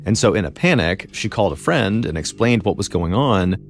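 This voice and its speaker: A man hosting a podcast, telling a true crime story in a measured, dramatic way with pauses. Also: fairly low pitch, lively intonation. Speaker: podcast host and narrator.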